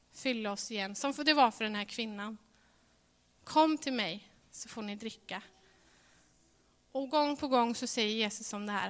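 A woman preaching a sermon in a church, earnest, moving between ringing emphasis and hushed softness. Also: fairly high pitch. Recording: reverberant hall sound.

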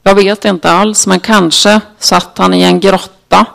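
A preacher giving a devotional talk, halting with fillers, then reading scripture slowly and solemnly. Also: mid-range voice, fairly even intonation, gravelly, a bit bright.

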